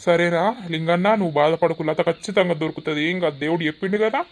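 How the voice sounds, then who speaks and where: A man's voice: fairly high pitch, fairly even intonation, quick pace, natural voice. A worried cartoon villager, voiced by a man speaks in a plain, mid-range voice with a Telangana Telugu accent. He sounds anxious and pleading. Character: worried village man searching for a missing wife.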